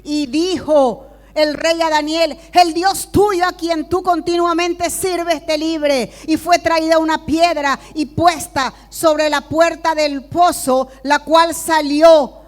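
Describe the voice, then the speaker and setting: A woman's voice: very high-pitched, fairly even intonation, slow. A woman prophet leading a Sunday school sermon, reading scripture aloud and preaching with rising fervor and firm declarations.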